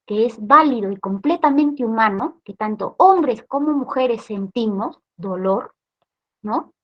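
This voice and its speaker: Woman, Peruvian accent, trainer, lecture, higher pitch, lo-fi sound. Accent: Peruvian Spanish. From Peru. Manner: tag questions, explanatory.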